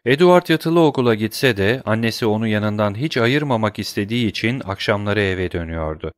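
A man reading a dramatic novel aloud in a measured, steady storytelling manner. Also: lowish voice, no room sound, clean studio sound. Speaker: audiobook narrator.

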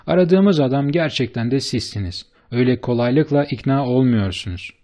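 A man voicing an eager, flattering bearded businessman who speaks with emphatic enthusiasm in an audiobook. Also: medium pitch, normal speed, close to an everyday voice. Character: eager, fast-talking bearded businessman, middle-aged man.

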